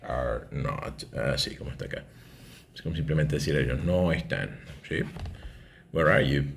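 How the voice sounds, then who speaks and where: Man, very low voice, patient teacher explaining grammar, checks in often. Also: animated, normal speed, creaky, a little hiss or hum. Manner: explains step by step, often asks ¿ok?. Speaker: English teacher. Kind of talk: classroom grammar lesson.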